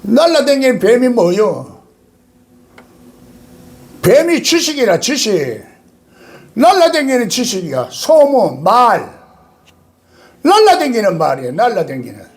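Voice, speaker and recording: An older pastor delivers a sermon in a high, sing-song voice. His pitch leaps around constantly, and he breaks into sudden loud outbursts and laughter. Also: wildly swooping pitch, slow pace, long pauses.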